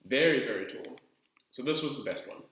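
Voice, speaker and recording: Calm co-presenter explaining simply in an echoey room. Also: mid-range voice, a little fast. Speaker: children's church co-presenter. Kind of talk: children's Bible talk.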